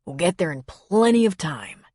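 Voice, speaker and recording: A husky, gravelly grown man, as a woman narrator puts him on, pitched low and speaking in an unhurried, intimate murmur. This is audiobook reading, close and dry. The tone stays intimate and tender. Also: big pitch swings, a little mellow, dry recording. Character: husky deep-voiced grown man, ardent lover.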